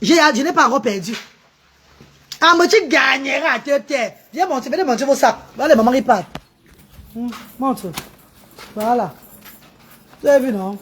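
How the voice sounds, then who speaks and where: A fairly high-pitched, animated woman speaks at a moderate pace with frequent pauses, over slight background noise. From Cameroon, she runs a charity restaurant and uses her live stream to rant at and insult commenters between updates.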